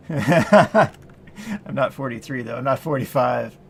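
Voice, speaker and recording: Slow, gravelly, and a bit breathy, a mid-range male voice belongs to a coder in his late thirties on a livestream. He chats casually while he works, talking to himself, responding to viewers, and chuckling a lot.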